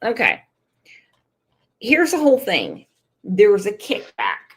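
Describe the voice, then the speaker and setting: This woman speaks in a mid-range, breathy voice at a slow pace. On a casual live stream she reads comments from chat and delivers profane, emphatic, lively remarks, though her voice is fading.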